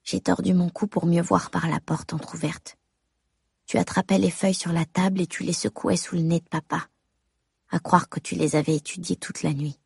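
Woman reading a story in first person, really gravelly and husky, measured and intimate, dry close mic. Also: lowish voice, steady tone, a little mellow, dry recording. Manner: measured, intimate, addressing the mother. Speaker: audiobook narrator. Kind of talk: first-person audiobook narration.

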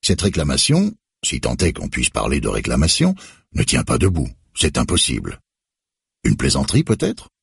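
Very deep, gravelly man narrating. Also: wildly swooping pitch, moderate pace, dry recording, studio quality. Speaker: audiobook narrator. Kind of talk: scripted narration.

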